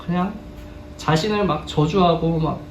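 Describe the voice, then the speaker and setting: A man with a notably high voice preaches an earnest sermon, turning again and again to ask his congregation questions. He sounds set back from the microphone, and the church sanctuary lends his words a full, roomy echo. A faint hum of background noise sits under the recording. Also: unhurried, a little mellow, distant mic.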